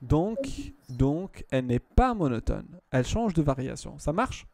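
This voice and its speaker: Man, math tutor, patient, repeats himself, asks if she follows, mellow tone, raised pitch, dry sound. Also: big pitch swings, a little slow, gravelly. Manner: patient, repeats words and checks understanding.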